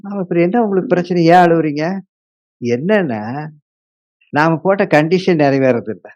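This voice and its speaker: A male pastor preaching a sermon, acting out his congregation's complaints in a lively way. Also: fairly high pitch, moderate pace, lo-fi sound.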